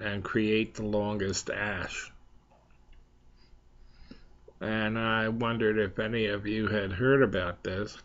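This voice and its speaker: A man hosting a casual, rambling chat for viewers, speaking in a halting, hesitant way with long pauses, on a slightly dull recording. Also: lowish voice. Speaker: host of a pipe smoking chat vlog.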